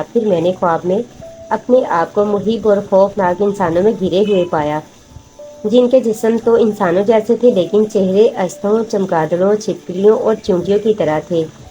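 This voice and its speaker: A woman reading a horror story aloud in a steady, measured storytelling manner. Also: mid-range voice, lo-fi sound. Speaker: narrator. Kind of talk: scripted horror story narration. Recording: faint music behind.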